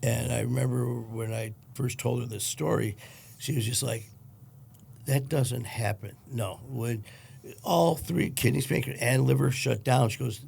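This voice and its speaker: A man's voice: mid-range voice, fairly even intonation, normal speed, vocal fry, a little mellow, a little hiss or hum. A middle-aged man from Detroit, a podcast guest, telling a blunt, profane story with lots of quoted dialogue. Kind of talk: casual storytelling.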